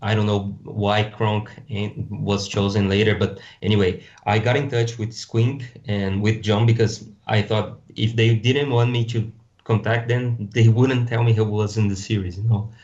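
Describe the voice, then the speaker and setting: In a relaxed interview, a guest designer from Brazil talks with a Portuguese accent, halting and restarting words as he hunts for the English. His lowish, darkish voice keeps a level tone and moderate pace, with lo-fi sound.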